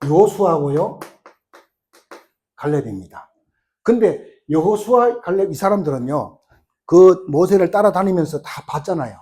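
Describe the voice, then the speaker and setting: A middle-aged man preaches a sermon and acts out the dialogue as he tells the story. His voice sits high and swings widely in pitch. The tone stays mellow and unforced. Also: normal speed, long pauses. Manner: animated storytelling, acting out the quoted lines. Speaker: pastor.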